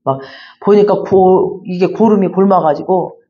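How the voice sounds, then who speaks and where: A woman pastor preaching in a chatty, animated storytelling manner, full of repeated fillers. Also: lowish voice, a little slow. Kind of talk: storytelling sermon. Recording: dull lo-fi recording.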